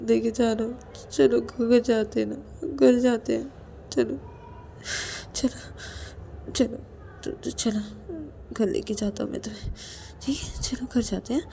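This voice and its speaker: Brief: a woman playing a fierce, protective young lover, forceful and insistent, dark voice. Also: fairly high pitch, steady tone, slow, gravelly, pauses often, slight background noise, pitched above the performer's own voice. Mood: soothing. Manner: shouting threats, then soothing.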